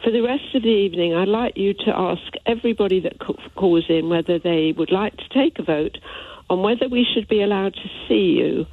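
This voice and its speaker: Woman, radio phone-in caller, landline phone sound, earnest, hesitant, mid-pitched voice. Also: brisk, no room sound, phone-quality sound. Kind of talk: casual phone-in chat. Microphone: landline telephone handset.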